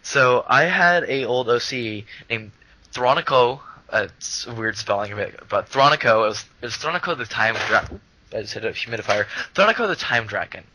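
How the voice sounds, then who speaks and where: Young male podcast co-host, low-ish voice, very bright tone, loose rambling delivery. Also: a little fast, slight background noise, low-quality recording. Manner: rambling, many fillers and restarts. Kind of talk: casual chat.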